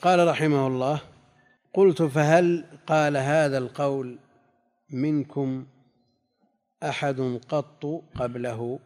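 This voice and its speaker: A male religious teacher giving a classical text lesson. He reads quoted passages slowly, repeats key phrases and answers students' questions. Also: mid-range voice, fairly even intonation, a little mellow. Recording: long hall reverb.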